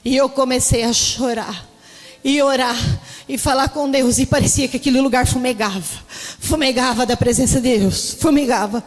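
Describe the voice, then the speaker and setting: Woman pastor, heartfelt sermon testimony, slightly high voice, long church reverb. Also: steady tone, moderate pace. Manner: emotional testimony, often addressing the congregation as brothers.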